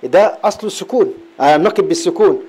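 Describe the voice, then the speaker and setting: A man with an Egyptian Arabic accent teaching Quran recitation in a classroom lecture. He explains patiently, repeats key terms and breaks into slow chanted verse. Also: high voice, expressive, darkish tone, slightly rough.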